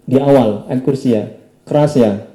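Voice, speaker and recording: A man, an Islamic preacher, gently questioning a patient after a healing session, often ending his questions with a tag asking for agreement. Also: mid-range voice, moderate pace, echoey room, poor audio.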